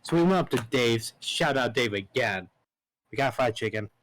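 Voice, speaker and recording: A man's voice: medium pitch, animated, moderate pace, a bit bright, slight background noise. A man hosting a podcast, animatedly telling a story in casual talk, acting out both sides of conversations and swearing casually. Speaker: podcast host.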